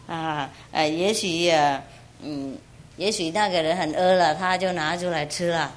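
A woman's voice: low voice, a little slow. A woman telling a story voices a kind, easygoing man who shrugs off a theft. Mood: forgiving.

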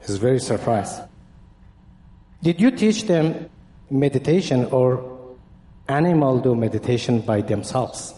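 Guy from iran asking a question, halting english, long hall reverb. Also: mid-range voice, lively intonation, mellow. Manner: hesitant, simple phrasing, halting. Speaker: audience member asking a question.

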